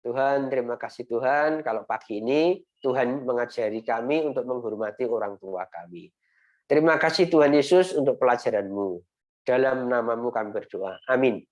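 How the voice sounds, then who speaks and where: Gentle male Sunday school teacher. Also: mid-range voice, moderate pace, dull audio. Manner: gentle, repetitive, ends phrases with a coaxing "ya". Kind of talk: teaching young children.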